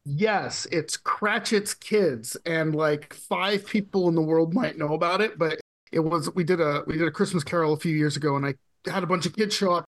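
High-voiced chatty man. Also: fairly quick. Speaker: game player, podcast guest. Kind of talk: casual chat.

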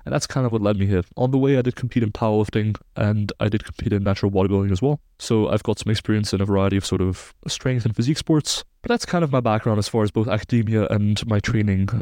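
A man's voice: lowish voice, quick pace, hardly any pauses, warm tone, no echo, clean studio sound. A man in his twenties from Belgium, a sports science researcher, explaining studies precisely and technically as a podcast guest. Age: 20s.

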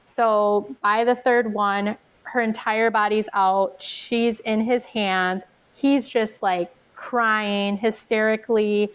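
A woman's voice: medium pitch, fairly even intonation, takes it slowly, hardly any pauses, clean tone. A young adult woman telling her own story as a podcast guest, chatty, with a lot of "like". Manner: chatty, fills speech with "like". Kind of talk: personal storytelling in casual conversation.

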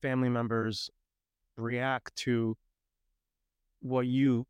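Speaking slowly in a smooth, mid-range voice with little pitch movement, this podcast host from Puerto Rico talks with his sister at his parents' home. He is thoughtful and agreeable, often backing up what she says, and the recording is dry and dull.

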